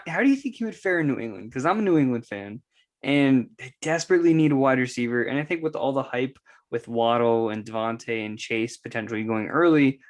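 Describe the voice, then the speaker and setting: A man co-hosting a podcast, asking questions in a chatty, easygoing way. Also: mid-range voice. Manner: chatty, laughs between questions. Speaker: podcast co-host. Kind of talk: casual podcast chat.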